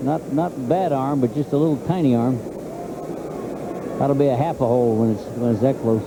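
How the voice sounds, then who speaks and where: A man's voice: medium pitch, normal speed. A man giving live football analysis in a conversational, emphatic, repetitive way. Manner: conversational, emphatic, repeats himself. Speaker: color commentator. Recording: noisy stadium broadcast. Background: stadium noise.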